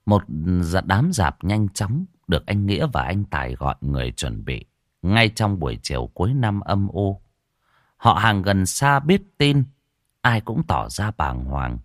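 A man's voice: sits low, unhurried, dry recording, clean studio sound. A man narrating a horror story as an audiobook reader. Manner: expressive storytelling.

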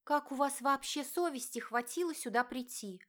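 A woman's voice: a little high, normal speed, a bit bright, lightly acted. A woman voicing an indignant young heroine in an audiobook, speaking sharply and heatedly. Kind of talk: audiobook narration.

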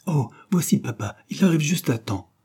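A man voicing a gentle young mother and wife in an audiobook, soft and solicitous. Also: fairly low pitch, normal speed, slightly rough. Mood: cheerful.

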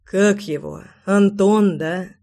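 Brief: a woman doing a hoarse, growling brute of a man, slow and threatening, storybook reading. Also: mid-range voice, warm tone, close to an everyday voice. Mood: menacing.

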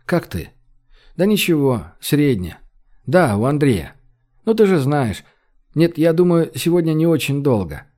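A weary young man talks low and softly, as a male audiobook reader plays him. His voice is subdued and gentle. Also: very animated, measured pace. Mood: tender. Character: tired, tender young man, sleepy teammate.

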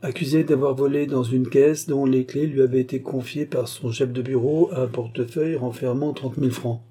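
A man doing a monotone servant reading. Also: mid-range voice, moderate pace, breathy edge, voice pushed up, natural voice. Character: servant reading a newspaper aloud.

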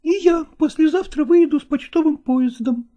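A woman's voice: sits high, normal speed, mellow, natural voice. A woman voicing a stubborn young novice actress in an audiobook drama, insistent and pleading.

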